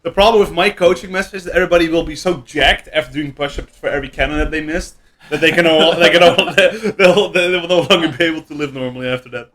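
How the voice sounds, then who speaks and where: A man co-commentates a live esports match in a high, crisp, bright voice. He banters freely and laughs at his own jokes. He reacts quickly to each play. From Netherlands.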